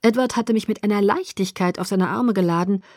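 Expressive woman reading an audiobook. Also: mid-range voice, fairly quick, no room sound, clean studio sound. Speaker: audiobook narrator. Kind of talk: first-person audiobook narration.

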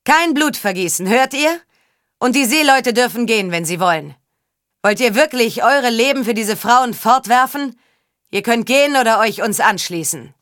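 A woman reading the part of a mocking, scheming middle-aged knight in an audiobook, speaking slowly and drawing out words. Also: medium pitch, sing-song, fairly bright tone, no echo, clean studio sound. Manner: mocking, drawn-out delivery.

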